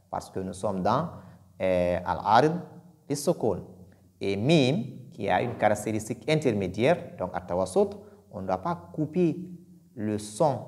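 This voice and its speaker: A male recitation teacher talks at a slow, unhurried pace. His pitch rises and falls in a lively way as he explains each sound. He repeats each syllable deliberately so listeners can copy it. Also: gravelly. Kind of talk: pronunciation lesson.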